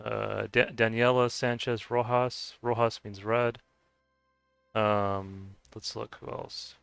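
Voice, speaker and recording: A man streaming a game speaks slowly and flatly in a lowish, gravelly voice that is smooth and a bit bright. Chatting casually with viewers, he hesitates, chuckles, and stumbles over how to say names. The dry close mic has no room sound, only faint music behind.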